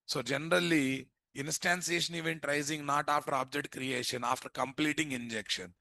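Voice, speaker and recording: A man's voice: on the high side, steady tone, moderate pace, creaky, sharp tone, no echo. A man with an Indian accent lecturing to students as an instructor, prompting them with repeated questions that he often answers himself. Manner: prompting, repetitive, asks and answers his own questions. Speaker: programming instructor.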